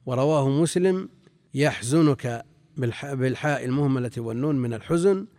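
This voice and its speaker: A man's voice: mid-range voice, mellow, no room sound. Dry-voiced man teaching a classical text. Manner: reads quoted sources, then explains in a measured way; repeats phrases and corrects himself mid-word. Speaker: Islamic scholar teaching a text. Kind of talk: classical text lesson with commentary.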